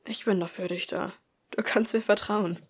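A gentle, protective teenage boy from an audiobook, reassuring and quiet, as a woman reader speaks him. His lines come softly, close to the plain reading voice. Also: medium pitch, steady tone, moderate pace, breathy edge.

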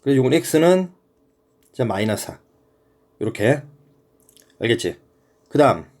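A man's voice: mid-range voice, very animated, a little slow, darkish tone. A man teaching a middle-school math lesson in a casual, conversational way, often checking that the student follows.

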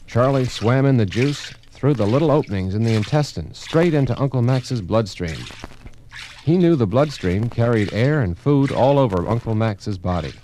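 A man giving clear, even scripted narration of a children's storybook. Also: mid-range voice, normal speed, slight background noise.

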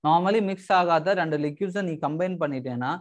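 A man's voice: on the high side, very fast. A man in his thirties with a South Indian Tamil accent teaching a science lesson, switching between English and Tamil and repeating key phrases in a didactic way.

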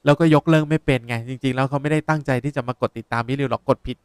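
A young man, a language teacher explaining words in a lively way while playing a game. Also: mid-range voice, racing. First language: Japanese. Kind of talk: game playthrough lesson.

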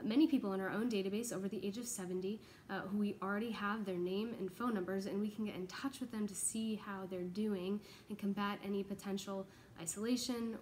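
Filmed in a large open office with exposed ductwork, a young American church pastoral associate explains things in an earnest, informal video update. Her voice is medium-pitched and a little mellow, and slight background noise is audible.

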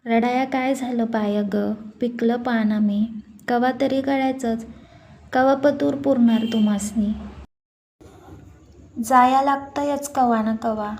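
A woman voicing an elderly, frail village grandmother who speaks weakly and gently in a rustic dialect. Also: a little high, steady tone, takes it slowly, pauses often, a little hiss or hum. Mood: tender.

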